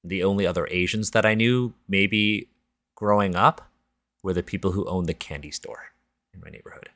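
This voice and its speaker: A man from Toronto, Canada hosts a podcast in a low-pitched, slightly bright voice at a moderate pace, with no room sound. His Canadian accent comes through as he chats candidly, informally and reflectively.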